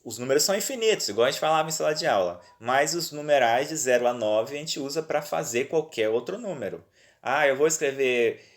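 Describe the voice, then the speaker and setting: A male teacher with a Brazilian accent, explaining worksheet exercises to pupils in a patient, reassuring way and checking in often, recorded on a phone at home. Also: mid-range voice. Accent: Brazilian Portuguese. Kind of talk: remote lesson walking through worksheets.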